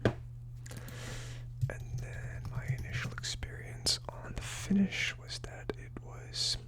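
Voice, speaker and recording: Someone whispers in a breathy, unvoiced ASMR manner, hosting a tasting video and casually murmuring through notes. They list things slowly, word by word, while typing.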